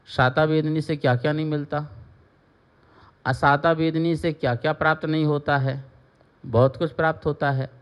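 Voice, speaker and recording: A man, a Jain monk, teaches scripture in a slow, unhurried voice that sits a little high. He chants verses with deliberate care, then explains each term, repeating it and asking his listeners questions.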